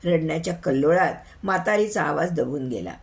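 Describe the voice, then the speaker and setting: A woman storyteller with a Varhadi Marathi accent, telling a village tale in lively rustic dialect. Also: deep voice, fairly quick, creaky. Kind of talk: story reading.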